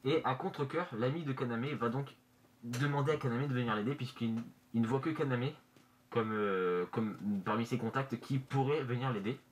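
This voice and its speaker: A man presenting casually in a halting, hesitant way, his voice slightly muffled through a face mask in a bedroom. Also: mid-range voice. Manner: hesitant, halting, searching for words. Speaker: manga review vlogger. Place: bedroom, indoors. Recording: noisy amateur room recording.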